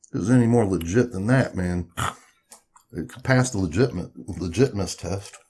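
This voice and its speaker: A middle-aged Southern US man with a deep, rough-edged voice talks over a meal of fried chicken. His delivery is folksy and colloquial, like a dad chatting casually on a family vlog while he eats. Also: moderate pace, darkish tone. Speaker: father co-hosting a family mukbang vlog.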